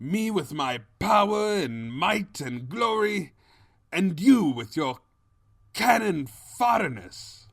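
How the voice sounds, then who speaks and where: A man's voice: high-pitched, sing-song, slow, vocal fry, no echo, studio quality, voice pushed up, full character voice. A man voicing a pompous, scheming and cowardly evil pony king with theatrical, grandiose delivery in a story. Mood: smug, scheming.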